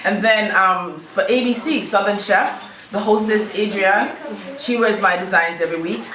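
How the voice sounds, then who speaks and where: Jamaican lady designer on a video call, bright voice, roomy echo, chatty and upbeat. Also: mid-range voice, normal speed. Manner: upbeat storytelling, laughs between phrases. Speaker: fashion designer guest. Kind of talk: casual interview on a video call. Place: her boutique.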